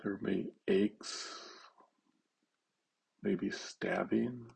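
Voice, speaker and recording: Male meditation guide, low and raspy, fry-heavy, halting delivery with long pauses. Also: steady tone, darkish tone, rough recording.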